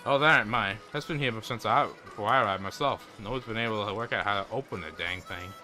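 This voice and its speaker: Guy reading lines for a friendly hobo in a game, folksy easygoing talk, bright lowish voice. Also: quick pace, soft background music. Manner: folksy, easygoing drawl, rural turns of phrase. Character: cheerful drifting hobo man, friendly and folksy.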